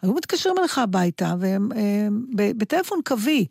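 A middle-aged woman co-hosting a casual radio chat, telling stories and jokes in an animated way. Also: medium pitch, vocal fry, no echo, studio quality. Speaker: radio co-host.

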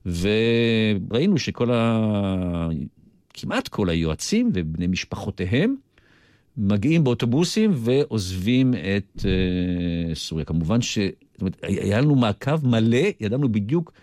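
An older man with an Israeli accent, telling his recollections deliberately, with asides, as a guest in a radio interview. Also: lowish voice, expressive, darkish tone, dry recording, clean studio sound. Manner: deliberate storyteller who digresses into asides. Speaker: interview guest, retired military intelligence officer.

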